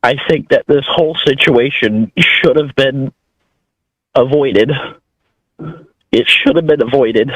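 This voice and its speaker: A man giving halting, earnest testimony as a public commenter at a meeting. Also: mid-range voice, a bit bright, dry recording. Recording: muffled, radio-like audio.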